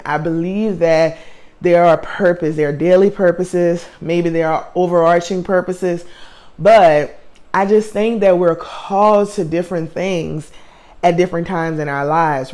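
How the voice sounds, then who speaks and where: A woman's voice: fairly low pitch, darkish tone. A woman with a Southern US country accent, giving a casual, emphatic motivational talk as a life coach and podcast host. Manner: chatty and emphatic, often says "man" and "like". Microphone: podcast or livestream mic.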